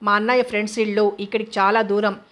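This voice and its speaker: A woman voicing a bold young woman who talks firmly and calmly, in a mid-pitched, narrow-ranged tone. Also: quick pace, lightly acted. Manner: firm and composed.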